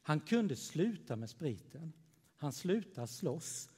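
A man gives a children's sermon, his voice sitting a little high for a man. He speaks gently and tells a story to the young listeners. His words ring out with a long church reverb. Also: sing-song, breathy edge. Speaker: pastor.

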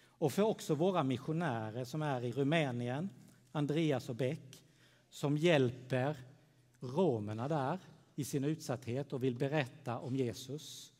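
Gentle pastor in a reverberant church. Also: male voice, mid-range voice. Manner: gentle, storytelling, addressing children. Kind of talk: children's sermon in church.

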